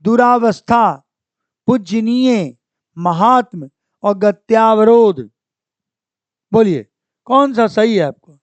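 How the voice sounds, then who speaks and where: Slow, repetitive male Hindi teacher. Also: high voice, animated, no echo, muffled recording. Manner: slow and repetitive, saying each word several times and correcting it; clears his throat often. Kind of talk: exam-prep lesson, working through spelling questions.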